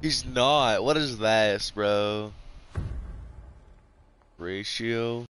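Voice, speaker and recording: Low, slow-talking young gamer guy. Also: a bit bright, slight background noise. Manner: laid-back, mumbled, slangy with "bro". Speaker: gamer streaming his match. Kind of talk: casual gameplay commentary.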